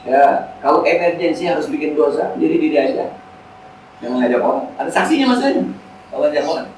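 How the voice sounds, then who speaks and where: A man's voice: fairly high pitch, lively intonation, fast, a little mellow. A man giving a casual, joking Islamic study lecture in a mosque. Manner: casual, joking, slangy teaching. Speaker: Islamic teacher. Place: mosque hall. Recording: echoey hall, distant mic, faint noise.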